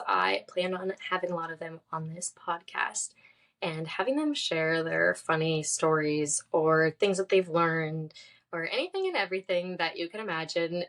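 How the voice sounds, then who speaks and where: A woman's voice: on the low side, vocal fry, fairly bright tone. A young woman in her twenties from California, hosting a casual solo podcast, chatty and upbeat with a few laughs. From San Diego, California. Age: 20s. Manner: chatty and upbeat, laughs often, says "like" and "literally". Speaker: podcast host.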